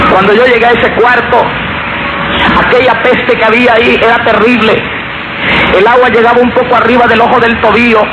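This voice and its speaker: A man from Guatemala with a Guatemalan accent, giving an earnest testimony sermon and calling his listeners brothers. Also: very high voice. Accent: Guatemalan Spanish. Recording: muffled lo-fi recording with loud background noise.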